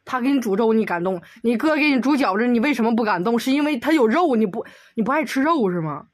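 Woman commentator, comedic exasperated rant, slightly high voice, dry close sound. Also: expressive, dry recording. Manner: exasperated, rapid rhetorical questions. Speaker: video commentator.

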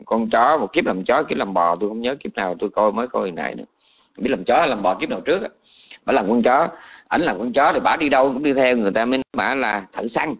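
A man, a Buddhist monk, telling a story in a colloquial, animated sermon. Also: mid-range voice, muffled recording.

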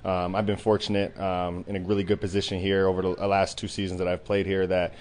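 Fast-talking low-voiced young male athlete. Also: flat delivery, a little hiss or hum. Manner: soft-spoken, many "um" fillers. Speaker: professional basketball player. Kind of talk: postgame interview.

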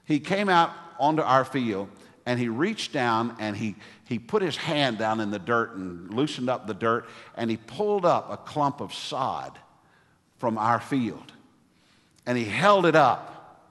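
Middle-aged preacher in a reverberant church. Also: male voice, medium pitch, very animated, unhurried, a bit bright. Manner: earnest preaching with storytelling asides. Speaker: pastor. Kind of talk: sermon. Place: church sanctuary stage at a wooden pulpit. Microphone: pulpit microphone. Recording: long church hall reverb.

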